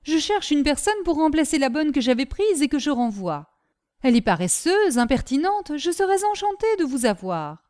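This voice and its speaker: A woman voicing a haughty, quick-tempered older lady who talks in an imperious, scolding way. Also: sits high, very animated, a little mellow, pitched above the performer's own voice.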